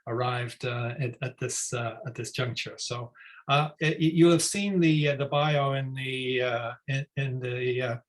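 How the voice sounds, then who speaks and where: A man introducing a guest speaker in an online talk, speaking haltingly with many fillers and restarts. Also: medium pitch, fairly even intonation, poor audio.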